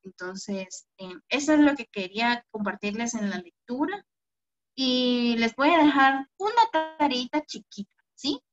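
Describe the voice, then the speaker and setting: A woman primary school teacher giving an online class to children, gentle and affectionate, often ending phrases with a questioning "¿verdad?". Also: sits high, lively intonation, a little slow, faint music behind. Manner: affectionate, calls pupils "mi amor". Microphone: video call. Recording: dull lo-fi video call audio.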